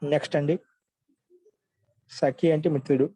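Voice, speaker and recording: Patient man teaching, slow drilling repeats. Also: a little high, fairly even intonation, warm tone, husky, dry recording. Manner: patient, repeats word forms slowly for dictation. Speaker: Sanskrit grammar teacher. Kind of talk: online grammar class.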